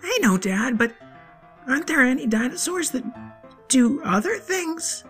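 A woman voicing a curious young boy dinosaur in a storybook, eager and full of questions, with a high, lively voice. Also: measured pace, soft background music. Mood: earnest. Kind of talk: storybook character voice.

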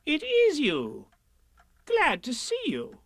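A man putting on a fussy, high-voiced Rabbit. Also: huge pitch swings, slow pace, vocal fry, fairly bright tone, no room sound, studio quality, full character voice. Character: fussy cautious male rabbit, small and nervous. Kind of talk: storybook reading.

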